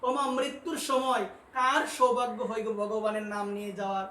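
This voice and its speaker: A man preaching a devotional sermon, questioning his listeners, addressing them as mother, and rising to loud, emphatic peaks. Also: sits high, level tone, normal speed. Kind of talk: devotional sermon with call-and-response. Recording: roomy, distant mic with faint noise.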